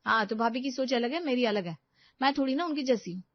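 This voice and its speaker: A woman's voice: on the high side, expressive, fast, no room sound, pitched above the performer's own voice, lightly acted. A woman voicing a put-upon young daughter-in-law who grumbles in an exasperated way. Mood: grumbling. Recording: slightly dull, dry close recording.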